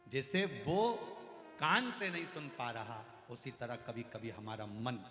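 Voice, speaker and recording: A man's voice: mid-range voice, takes it slowly, a bit bright. Madhya pradesh accented man preaching, folksy storyteller, echoey hall, faint music behind. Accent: Madhya Pradesh Hindi. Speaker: religious storyteller. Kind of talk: devotional sermon with storytelling. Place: large religious gathering.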